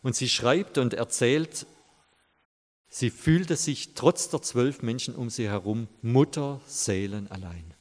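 Speaking slowly, a man delivers a sermon in an earnest, storytelling style, addressing his listeners directly in a medium-pitched voice. The long reverb of a large church hall rings around his words.

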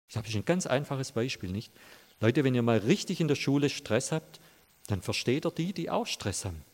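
A man preaching a sermon in an earnest storytelling manner. He speaks to his listeners directly, at a medium pitch. His voice rings with the long reverb of a large church hall.

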